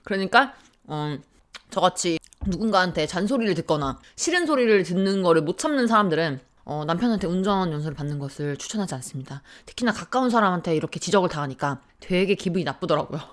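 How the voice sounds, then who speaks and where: A woman's voice: fairly low pitch, lively intonation, quick pace. A young woman telling a story in a casual chat, acting out the quoted lines as she goes. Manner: sips a drink while chatting. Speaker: vlogger.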